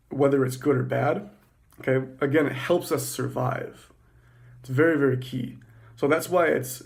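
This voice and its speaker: A man hosting a podcast, talking through philosophical ideas in an excited, fast, self-correcting monologue. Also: medium pitch. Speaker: podcast host. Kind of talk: casual spoken monologue on philosophy.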